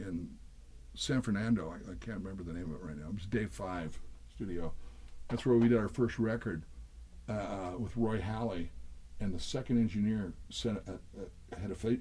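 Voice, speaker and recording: An older man, a session drummer, telling rambling stories in a relaxed interview, with many fillers and restarts. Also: lowish voice, husky. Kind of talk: storytelling interview chat.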